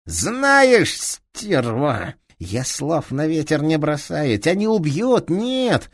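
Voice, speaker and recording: A man shouting as a brutal police detective. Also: on the high side, sing-song, slow pace, no room sound, clean studio sound, voice pushed up, exaggerated voice. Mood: furious. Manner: bellowing, threatening. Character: brutal furious male police detective, middle-aged. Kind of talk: audiobook character reading.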